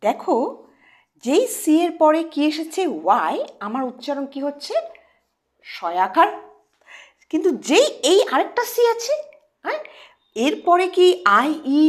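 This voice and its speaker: High, lively woman teaching pronunciation. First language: Bengali. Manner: asks questions and answers them, coaxing. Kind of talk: online lesson, explaining to students.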